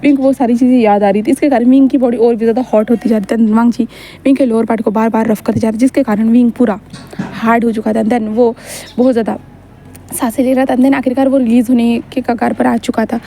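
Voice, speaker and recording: A woman's voice: on the high side, flat delivery, fast, dark tone. A woman narrating a fan story in a casual, rambling way, with many fillers and English words mixed in.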